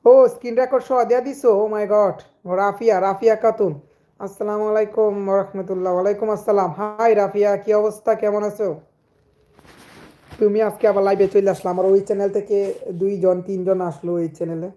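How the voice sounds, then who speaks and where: A hoarse young man, chatting casually with viewers on a live stream and greeting commenters by name. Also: high voice, flat delivery, fairly quick, mellow. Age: young adult.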